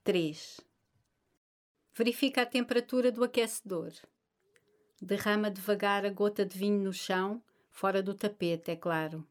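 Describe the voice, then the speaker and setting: A woman narrating a literary story in a measured, expressive way. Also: mid-range voice.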